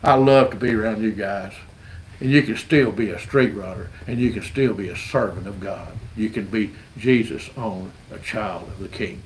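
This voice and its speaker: A man's voice: fairly low pitch, normal speed, slight background noise, low-quality recording. A man, a street rodder giving an earnest, folksy evangelistic testimony and often repeating words as he goes. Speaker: street rodder sharing his faith.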